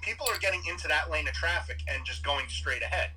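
A man telling a story in casual chat, animated and swearing freely. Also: fairly high pitch, quick pace, slight background noise, rough recording.

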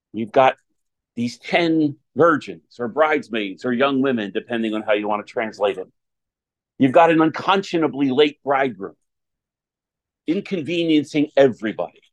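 Man, priest, homily delivery, mid-range pitch, deliberate phrasing, emphatic pauses. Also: low-quality recording. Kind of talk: homily and Gospel reading.

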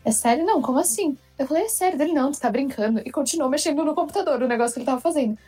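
A woman's voice: sits high, rapid-fire, soft background music. A young woman telling a personal story in a casual podcast chat, acting out what people said and often repeating herself. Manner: lively, acts out quotes, repeats herself.

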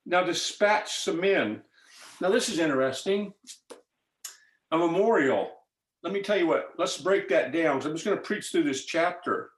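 A fervent man preaches over a video call in a somewhat high voice. He urges his listeners on, swinging from loud exhortation to hushed intensity. The room around him rings with echo. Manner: fervent, rising to loud exhortation, then dropping to intense quiet urging.

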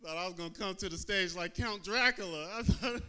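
A man's voice: sits high, a little fast, sharp tone, clear, resonant tone. A man doing casual stand-up comedy on stage.

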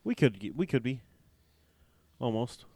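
A man's voice: medium pitch, sing-song, measured pace, a little mellow, dry recording. A man hosting a casual podcast, rambling and swearing freely while poking fun at himself. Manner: profane, rambling, self-mocking. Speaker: podcast host.

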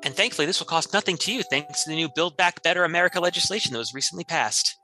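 Racing through his lines, a man with a forceful, very bright voice on the high side riffs on fake radio ads. He uses an announcer's product-pitch style. Music can be heard clearly in the background.

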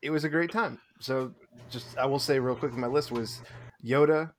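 A man co-hosts a podcast recapping a tabletop tournament, chatting casually and self-deprecatingly with frequent laughter. He has a mid-range voice at normal speed, with slight background noise.

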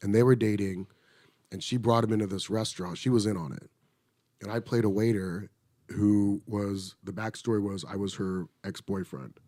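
A middle-aged man, an actor, casually telling a show-business story, animated and swearing freely. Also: fairly low pitch, normal speed, no room sound, studio quality. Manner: animated, acts out quoted voices, swears freely.

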